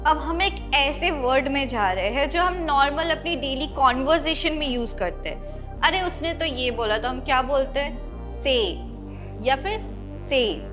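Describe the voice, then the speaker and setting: A woman's voice: high-pitched, animated, moderate pace. A woman teaching English pronunciation, explaining step by step and spelling words out letter by letter. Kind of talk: classroom-style lesson. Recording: light background music.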